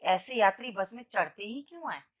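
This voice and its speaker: A woman's voice: medium pitch, lively intonation, normal speed, close to an everyday voice. A woman voicing a rude bus conductor and passengers who scold harshly in a told story.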